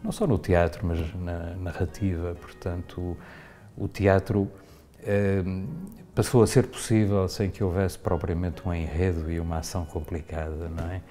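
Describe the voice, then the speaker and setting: A man's voice: low-pitched, steady tone, normal speed, warm tone. A man in an interview, explaining a theatre piece thoughtfully, with frequent tag questions.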